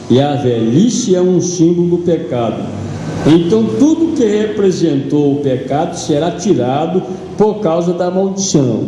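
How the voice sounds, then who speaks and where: Slow, dark-voiced Brazilian pastor preaching. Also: male voice, on the high side, a little hiss or hum. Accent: Brazilian Portuguese. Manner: slow dramatic retelling of a story in first person. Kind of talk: sermon. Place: large church hall. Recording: echoey church hall with long reverb.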